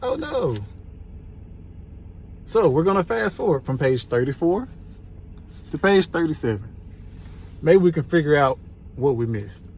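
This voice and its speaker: A man reading a children's chapter book aloud in a playful, animated way. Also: a little high, measured pace, long pauses, a little hiss or hum. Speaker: storybook reader.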